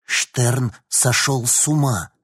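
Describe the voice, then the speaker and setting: A man's voice: deep voice, moderate pace, breathy edge, dry recording, clean studio sound. A man voicing an agitated plump male professor who protests indignantly and raises his voice. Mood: defiant, agitated. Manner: shouting, outraged, pleading.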